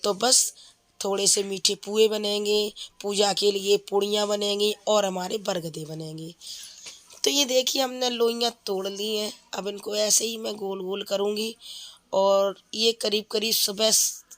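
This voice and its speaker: A woman's voice: medium pitch, level tone, unhurried, a bit bright. A woman in her thirties, a mother, chatting casually in a cooking vlog from her home kitchen, explaining each step while feverish. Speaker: vlogger, mother.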